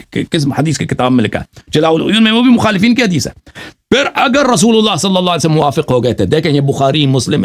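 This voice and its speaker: A man arguing in a heated religious debate on a live call-in show, pressing the same pointed questions again and again. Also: high voice. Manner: insistent, repeats pointed questions.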